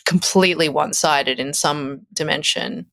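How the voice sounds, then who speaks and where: Here a woman in her thirties, Australian-accented, is a talkative podcast guest in casual conversation, frequently laughing and breaking off to restart sentences. She speaks at normal speed in a low voice with a fairly bright tone, on a dry recording.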